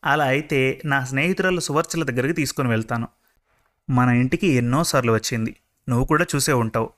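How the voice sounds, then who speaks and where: A man's voice: medium pitch, brisk, a bit bright, natural voice. A man voicing a worried middle-aged mother in a told story, explaining things earnestly.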